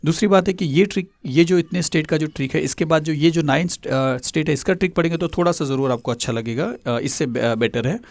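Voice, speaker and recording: A male tutor explaining a memory trick step by step, pausing often with filler sounds. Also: a little high, no room sound. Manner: hesitant, many filler sounds.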